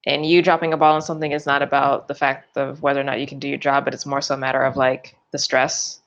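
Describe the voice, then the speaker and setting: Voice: medium pitch, flat delivery, fast talker, fairly bright tone, highs cut off. A tarot reader giving a loose, chatty forecast, full of fillers and restarts and yawning often.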